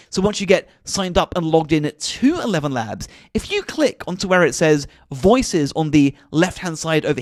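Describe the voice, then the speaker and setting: A man hosting a software tutorial, walking through each click step by step in an instructive manner. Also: high-pitched, no room sound, clean studio sound. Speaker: tutorial host. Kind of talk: screen-recorded software tutorial.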